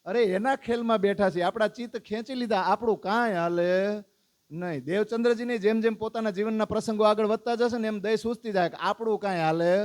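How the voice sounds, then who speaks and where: A man tells a religious story as a sermon, in a voice pitched somewhat high. He keeps asking his listeners questions and voices the characters' lines himself. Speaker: religious discourse speaker. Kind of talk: storytelling sermon to a live audience.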